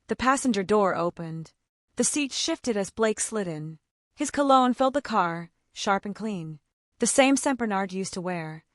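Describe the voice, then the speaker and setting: A woman narrating a first-person story in a lively, expressive reading style. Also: mid-range voice, normal speed, no room sound, clean studio sound.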